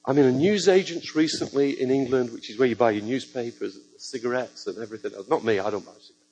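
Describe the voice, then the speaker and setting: A man's voice: medium pitch, quick pace, a little hiss or hum, poor audio. A man preaching a sermon to a church congregation, telling stories with joking asides. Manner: lively storytelling with joking asides.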